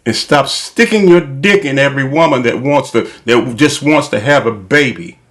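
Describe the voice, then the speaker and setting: A man delivering an opinion monologue as a channel host, emphatic and repetitive, spelling his points out deliberately. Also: medium pitch, fairly bright tone.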